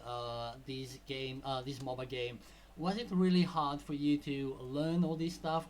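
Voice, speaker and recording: A man's voice: on the high side, a little hiss or hum. A man in his thirties hosting a gaming talk show, hesitant and full of fillers, asking his guests questions. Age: 30s. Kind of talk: casual chat.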